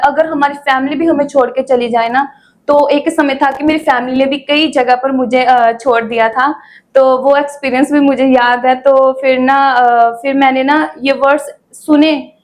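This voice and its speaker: High-voiced young woman telling her testimony. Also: fairly even intonation, a little slow. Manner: chatty storytelling with frequent "ना" fillers. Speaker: guest sharing her testimony. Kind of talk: casual testimony in an interview.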